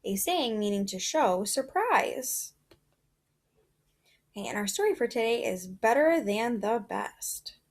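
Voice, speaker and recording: A woman's voice: on the high side, expressive, slow. A woman teaching a reading lesson to young children in an encouraging, sing-song classroom manner.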